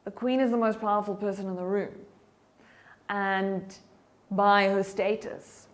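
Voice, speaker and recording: A woman giving a motivational talk on voice and confidence. Her voice is expressive, moving in pitch and loudness for emphasis, and she drops to a soft whisper to demonstrate breathing. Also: unhurried. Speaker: keynote speaker and voice coach.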